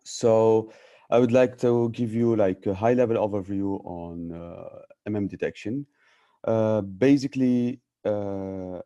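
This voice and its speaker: A man speaks over a video call as he shares his screen and presents a technical tutorial. His voice sits low with a dark, mellow tone. He talks haltingly, pausing often to find the next word. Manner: halting, stops often to search for words. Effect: speaking on a video call while sharing his screen.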